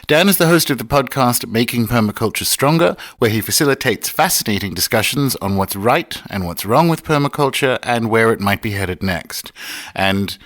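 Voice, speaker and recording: Acting as both presenter and interviewer, a man hosts a podcast that starts with a scripted intro before turning into a relaxed interview. His medium-pitched voice is animated and fairly bright, at a moderate pace. The audio comes from a pub and has been cleaned up.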